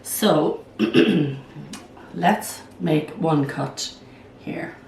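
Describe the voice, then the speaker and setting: Very slow and darkish in tone, an older woman's low, croaky voice is hoarse from a cold as she eagerly chats and thinks aloud through her work on a casual plant channel vlog. She's recording at home indoors, sounding far from the mic in an echoey room with a faint hiss behind her.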